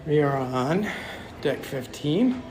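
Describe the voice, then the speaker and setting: Making his way around a cruise ship's lounges and stairwells, a man vlogs casually, talking to his audience while on the move and panting after the stairs. He speaks slowly in a higher, sing-song voice, and background noise can be heard in this travel vlog.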